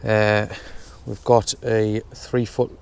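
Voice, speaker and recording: A young man explaining his fishing setup in a relaxed, step-by-step way while outdoors at a lake. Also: lowish voice, takes it slowly, vocal fry, clear, resonant tone. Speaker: fishing vlogger. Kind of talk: casual how-to narration. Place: outdoors at a lakeside bank.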